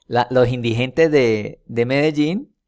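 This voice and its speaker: A man's voice: mid-range voice, slow pace, a little mellow. A Colombian man teaching a casual history lesson, rambling with many fillers and restarts, often checking in with his students. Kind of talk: casual classroom lecture over a map.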